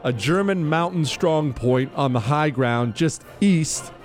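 A man's voice: fairly high pitch, animated, slow pace, soft background music. A middle-aged man hosting a radio talk show, moving between casual, wry asides and reading aloud.

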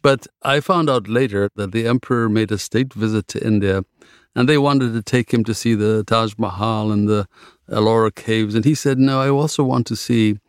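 A man raised in Ethiopia, a physician and novelist, answering interview questions in a measured, reflective way. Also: lowish voice, no room sound, studio quality.

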